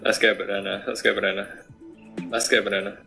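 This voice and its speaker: A man's voice: fairly low pitch, little pitch movement, fast talker, gravelly, loud music behind the voice, low-quality recording. A man, a teammate on voice chat, bantering and protesting. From Indonesia.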